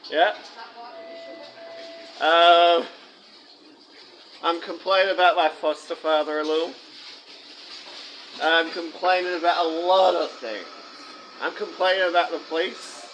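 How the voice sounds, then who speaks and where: A man's voice: a little high, a bit bright, a little hiss or hum, poor audio. Rambling man eating and complaining. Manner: rambling, complaining, laughs often, talks with mouth full. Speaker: vlogger. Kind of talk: casual chat to camera. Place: fast food restaurant. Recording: music playing in the background. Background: background music.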